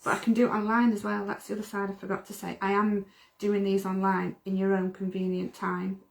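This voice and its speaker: A woman's voice: medium pitch, monotone, brisk, creaky. A middle-aged woman from the UK, a medium chatting earnestly on a livestream and often repeating words. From United Kingdom. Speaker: medium, co-host. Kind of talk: casual livestream chat.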